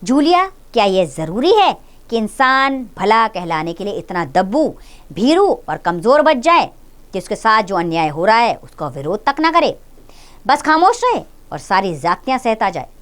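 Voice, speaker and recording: A woman teacher voicing a stern, angry male householder who lectures and nearly shouts at his maid. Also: medium pitch, very animated, normal speed, natural voice. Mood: lecturing.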